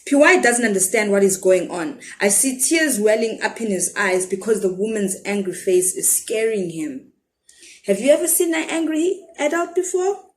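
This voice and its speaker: Expressive woman reading a children's story. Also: medium pitch, moderate pace, a little hiss or hum. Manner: expressive, asks listeners questions.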